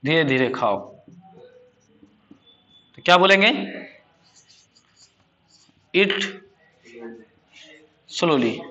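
A man's voice: on the high side, animated, very slow, pauses often, bright, forceful tone, highs cut off, slight background noise. A man teaching a spoken English class, quizzing students with repeated questions. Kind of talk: classroom lesson.

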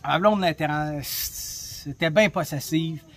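A man's voice: a little high, measured pace. A man with a Québécois French accent hosting a travel podcast, telling his story in a chatty, blunt way with lots of swearing, recorded on a phone. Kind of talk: casual storytelling monologue.

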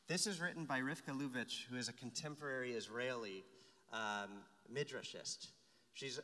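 A man's voice: mid-range voice, fairly bright tone. A middle-aged man, a rabbi, giving a sermon from a lectern microphone, explaining texts and often checking in with "right?". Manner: explains texts aloud, often asks "right?", some restarts. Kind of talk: sermon teaching from a text. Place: large synagogue sanctuary. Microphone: lectern microphone, filmed by a far camera. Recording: long hall reverb from a large sanctuary.

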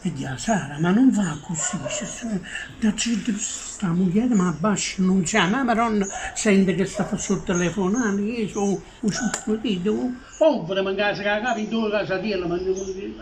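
A man's voice: high-pitched, unhurried. A man playing a flustered husband who stammers through excuses, in an amateur comedy sketch. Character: Fello, a flustered husband hiding a phone affair. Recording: noisy home recording.

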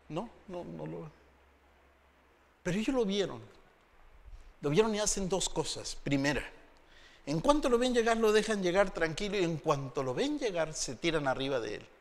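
A man's voice: on the high side, big-room sound. A male pastor preaching a sermon, telling a story dramatically and acting out the characters' voices.

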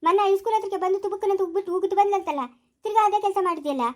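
Woman acting as a stern mother shopkeeper, rural Chikkaballapur Kannada accent, very high voice, fast, scolding, amateur family skit. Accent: rural Kannada of the Chikkaballapur area. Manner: scolding, blunt, dismissive. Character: stern older mother running a small village shop.

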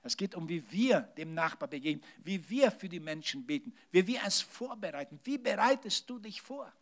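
Male preacher, high voice, animated sermon that drops to near-whispers. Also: moderate pace. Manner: animated preaching with large swings in loudness, drops to hushed tones. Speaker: pastor.

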